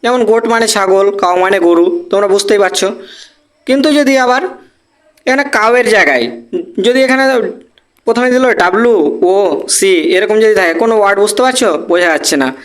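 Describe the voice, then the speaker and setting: Patient teacher drilling examples. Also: mid-range voice. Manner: patient, repeats examples slowly, often checks understanding. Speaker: grammar teacher. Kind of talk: Bengali-language English grammar lesson.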